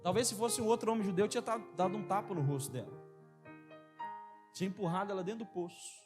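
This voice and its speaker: A high-voiced man preaching in a church with emphatic, animated delivery. He calls out directly to his listeners, while faint instrumental music plays behind him. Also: quick pace. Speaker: pastor. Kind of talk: sermon.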